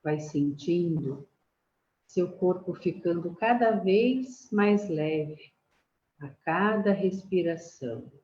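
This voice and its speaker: A woman leading a guided relaxation and prayer, giving slow, soothing breathing instructions. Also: on the low side, dark tone. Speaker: meditation guide. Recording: roomy, slightly dull audio with faint noise.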